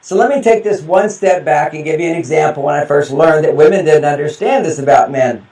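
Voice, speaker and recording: A man with a high voice tells lively stories as an interview guest, laughing and acting out what people said. The recording is roomy and echoey, with the mic set well back. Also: fairly quick. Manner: animated, laughs often, acts out quotes. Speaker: guest relationship expert. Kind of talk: interview storytelling. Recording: roomy echo, distant mic.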